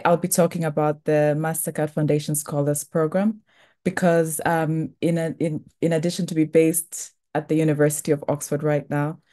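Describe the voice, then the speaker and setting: Young woman, from Tanzania, webinar presenter, low voice, measured delivery, frequent fillers. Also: dark tone. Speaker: scholarship program presenter.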